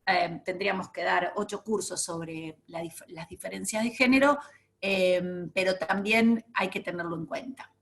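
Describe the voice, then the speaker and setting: A woman's voice: fairly low pitch, measured pace, a bit bright. A woman giving an online training lecture, talking in an enthusiastic, emphatic way with many fillers.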